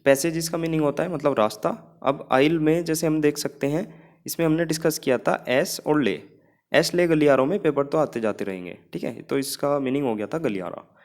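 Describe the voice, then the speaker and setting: A man's voice: on the high side, moderate pace, darkish tone. Indian guy teaching english words, explains tricks, keeps saying okay. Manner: explains memory tricks, repeats phrases, frequent "theek hai". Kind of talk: exam-prep vocabulary lesson.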